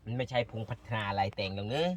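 A man's voice: lowish voice, fairly even intonation, rapid-fire, no room sound. A man chatting casually outdoors by a road, laid-back, giving short replies. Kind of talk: casual chat on a work site.

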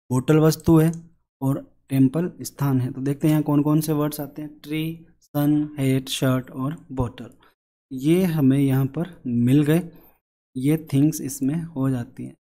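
A man's voice: fairly high pitch, dark tone. A male teacher explaining an online worksheet lesson step by step, asking and answering his own questions. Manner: slowly sings a children's rhyme line by line. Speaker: English teacher.

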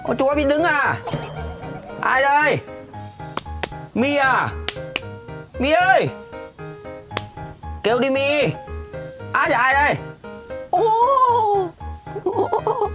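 A woman's voice: high-pitched, slow pace, pauses often. A woman playfully calling out names outdoors during a casual game with friends. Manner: playful, calling out names loudly while searching. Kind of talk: casual play among friends. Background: music.

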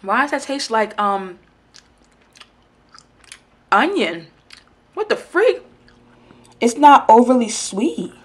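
A woman's voice: fairly high pitch, sing-song, takes it slowly, long pauses, husky. A young woman chatting informally and thinking aloud in slangy speech, recorded on a handheld camera in a home kitchen with background noise. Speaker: vlogger. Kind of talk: casual chatty food vlog. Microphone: handheld camera at arm's length.

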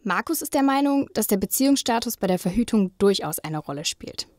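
A young woman co-hosting a student podcast, reading smooth scripted links between the interviews. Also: medium pitch, lively intonation, fairly quick, darkish tone, no room sound, studio quality. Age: young adult. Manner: smooth, read-from-script linking. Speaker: podcast co-host, journalism student.

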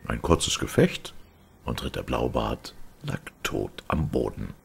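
Very deep gravelly storyteller man. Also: takes it slowly, a little hiss or hum. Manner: dark, theatrical, expressive. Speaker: audiobook reader. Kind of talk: dramatic fairy-tale reading.

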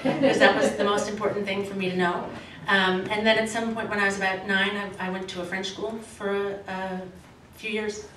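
Reading aloud in an echoey indoor event room with a red curtain, a medium-pitched woman novelist is measured and expressive, then turns halting and self-correcting when taking casual questions. She grew up in Australia, Canada and the States. A far camera records the podium mic, so her voice is distant, with faint hiss.

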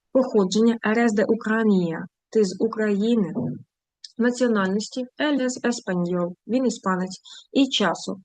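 A woman's voice: mid-range voice, a little mellow, dry recording, rough recording. A middle-aged woman teaching an online grammar lesson, explaining patiently step by step and checking that learners follow. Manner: patient, explains step by step, often asks "бачите?". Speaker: language teacher.

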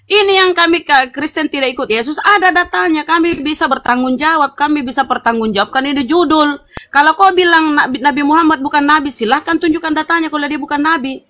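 A woman's voice: sits high, fast, sharp tone. A woman hosting an online interfaith debate, lecturing and scolding her opponent, repeating herself for emphasis. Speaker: host of an interfaith debate room.

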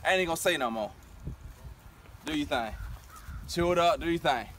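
A man's voice: fairly high pitch, lively intonation, brisk, fairly bright tone. A young man hosting with casual, slangy running commentary, recorded outdoors on a phone. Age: young adult. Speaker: host of a challenge video. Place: outdoors in a grassy park. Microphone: handheld phone camera. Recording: noisy outdoor phone recording, background voices.

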